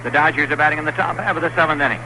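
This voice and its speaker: This is vintage baseball radio commentary from a play-by-play man whose voice is slightly high. The hissy recording carries his brisk calls, which rise in excitement on big plays.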